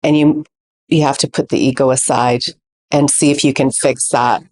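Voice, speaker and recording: A woman's voice: extremely low pitch, fairly even intonation, normal speed, a little mellow. A woman moderating a Q&A panel, reflecting on the answers and posing questions. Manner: reflective, affirming, asks questions. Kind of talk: hosting a Q&A panel.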